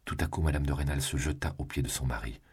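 A man narrates an audiobook in a very low, deep voice. His tone is husky and breathy, and his delivery is measured and grave. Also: fairly even intonation.

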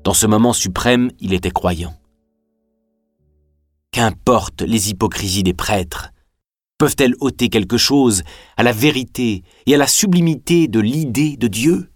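A man narrating an audiobook in a measured, even reading voice. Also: medium pitch, dry recording, studio quality, faint music behind. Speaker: audiobook reader. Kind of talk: scripted narration.

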